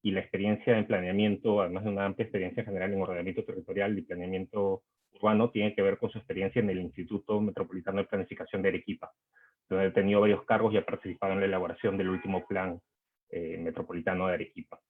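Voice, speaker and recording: A man with a low voice opens and moderates a panel, speaking in a measured, formal way and pausing often on hesitant fillers. His voice comes through a tinny, phone-like video call line. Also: flat delivery.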